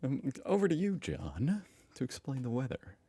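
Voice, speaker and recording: A pompous male TV anchor, as an American man puts him on, with a put-on formal newsreader lilt that climbs noticeably higher than his normal speaking voice. He sounds stiff and rehearsed. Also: wildly swooping pitch, normal speed, dark tone, breathy edge, dry recording, heavily acted.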